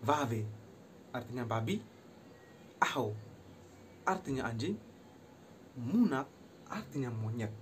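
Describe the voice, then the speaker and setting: A young male student talks through a recorded class presentation at a middle pitch. He explains each term, then slowly sounds the phrase out again, with a few English words dropped in. A faint hiss sits under the voice. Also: very animated. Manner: mixes in short English phrases. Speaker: university student.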